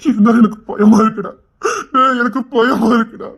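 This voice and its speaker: A man's voice: sits high, moderate pace, breathy edge. A man playing a heartbroken pleading father. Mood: fearful. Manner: soft, pleading, near tears. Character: grief-stricken father at his daughter's bedside. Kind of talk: amateur Tamil audio drama.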